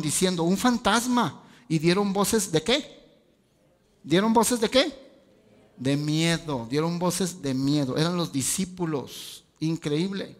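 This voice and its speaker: A male pastor, preaching a sermon with rhetorical questions and casual asides. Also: high voice. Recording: long hall reverb.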